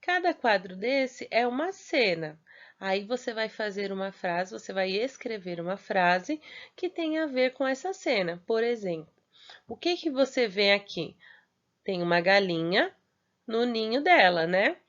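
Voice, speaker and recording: A Brazilian woman teacher explaining a lesson to young children, slow and patient, stretching key words and checking in often. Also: mid-range voice, sing-song, lo-fi sound. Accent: Brazilian Portuguese. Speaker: primary school teacher. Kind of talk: recorded remote class for young children.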